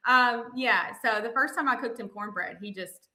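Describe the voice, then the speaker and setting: A woman in her thirties from Alabama with a Southern accent, telling stories as a podcast guest in an animated way, laughing often. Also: a little high, moderate pace, echoey room, poor audio. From Montgomery, Alabama. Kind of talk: casual interview chat.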